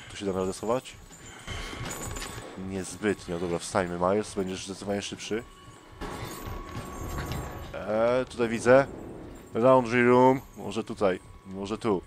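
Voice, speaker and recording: A man's voice: fairly low pitch, a little hiss or hum. A man doing let's play commentary on a horror game, tense and jumpy, muttering to himself.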